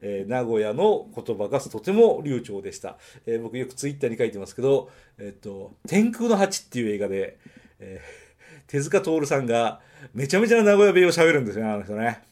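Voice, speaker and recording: A podcast host from Nagoya, Japan, gives a casual solo review of a film, chatting and correcting himself as he thinks aloud. His mid-range voice is sing-song and a little mellow, and he speaks a little fast.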